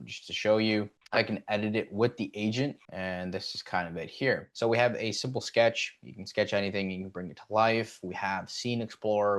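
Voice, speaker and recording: A man hosting a casual software tutorial. He talks in a relaxed way and uses plenty of "um"s. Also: fairly low pitch. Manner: relaxed, with frequent fillers. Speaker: tutorial host. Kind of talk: casual screen-recording tutorial.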